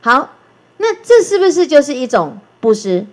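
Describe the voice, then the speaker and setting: A woman teaching Buddhism in a lively lecture, coaxing listeners with rhetorical questions and little acted-out dialogues. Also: high-pitched, moderate pace. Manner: coaxing, gentle asides. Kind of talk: Dharma lecture.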